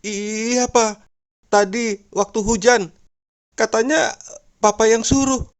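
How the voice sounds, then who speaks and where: A man voicing a tearful young wife talking to her husband in a high falsetto. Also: fairly even intonation, slow. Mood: whiny.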